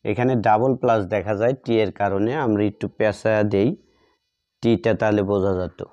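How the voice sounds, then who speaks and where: With a Bengali accent, a man teaches grammar like a classroom teacher, explaining as he writes out examples and repeating phrases step by step as if dictating. His voice is fairly low, steady, dark in tone, and a little fast, and the recording is muffled with no echo.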